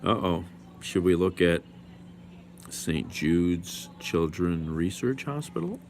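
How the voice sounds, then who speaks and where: Male host, low creaky voice, slow and blunt, casual muttered reaction commentary, faint noise behind. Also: very animated.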